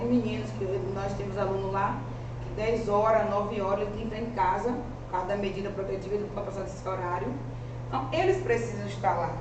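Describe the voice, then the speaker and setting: A teacher and master's student from rural Bahia, Brazil, speaks rural Bahian Brazilian Portuguese in a mid-range voice, presenting freely at a research seminar. She is earnest and conversational with frequent restarts. The room audio is echoey, distant, and noisy.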